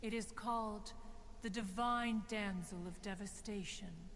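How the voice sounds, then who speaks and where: An actress voices an ancient female crane spirit in game character dialogue, using formal, archaic phrasing and calling herself "one" in a lofty mood. Her mid-range voice is steady in tone, measured in pace and a bit bright, with a long reverb tail and slight background noise.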